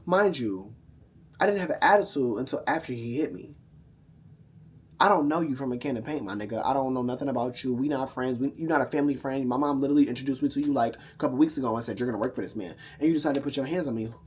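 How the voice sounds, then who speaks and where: A man's voice: mid-range voice, quick pace, a little hiss or hum. A tipsy man telling a casual, profane story to camera, sassy and rambling, often losing his thread. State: drunk, tipsy.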